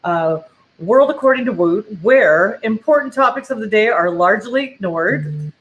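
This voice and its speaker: A woman's voice: medium pitch, lively intonation, normal speed, dull audio. A woman co-hosting a casual online show from home over a video call, teasing and laughing her way through the banter. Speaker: co-host.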